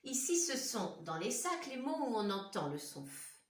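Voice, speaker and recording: A woman teaching young children a phonics lesson, speaking slowly and clearly and sounding out words syllable by syllable. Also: on the high side, very animated, far from the mic. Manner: slow, clearly articulated, repeats words syllable by syllable; talks directly to children, asking questions. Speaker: primary school teacher. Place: classroom or home room with a whiteboard. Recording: echoey room, voice from afar.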